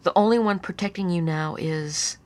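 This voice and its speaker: A woman voicing a dying old grandmother in a storybook, speaking slowly and solemnly. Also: lowish voice, close to an everyday voice. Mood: grave.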